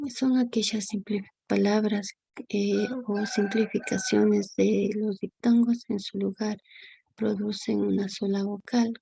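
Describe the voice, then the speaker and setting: A young woman giving a class presentation, halting with many fillers and restarts. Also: mid-range voice, vocal fry, dark tone, husky, dry recording. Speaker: student presenter.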